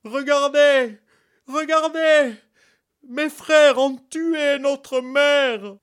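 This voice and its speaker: A man voicing a village simpleton in a folk tale, with high-pitched, drawn-out wailing cries. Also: sing-song, no room sound, studio quality. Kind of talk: storytelling.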